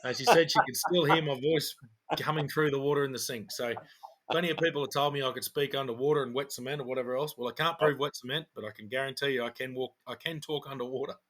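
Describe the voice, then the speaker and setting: A man's voice: medium pitch, steady tone, fast talker, a bit bright, poor audio. A middle-aged Australian man co-hosting a podcast in casual chat, with a blokey working-man manner full of slang. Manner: laid-back, blokey Aussie working-man talk with slang. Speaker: podcast co-host.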